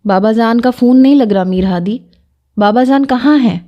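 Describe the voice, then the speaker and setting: A woman voicing an anxious young woman on the phone, pleading and high-strung. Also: mellow, highs cut off, close to an everyday voice. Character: distressed young woman calling from abroad.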